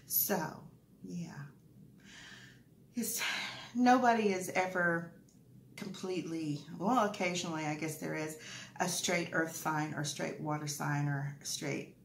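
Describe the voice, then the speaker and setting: A woman's voice: on the low side, creaky, echoey room, slight background noise. A woman giving a chatty, rambling tarot reading, full of fillers and asides. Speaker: tarot reader. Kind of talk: casual tarot reading to camera.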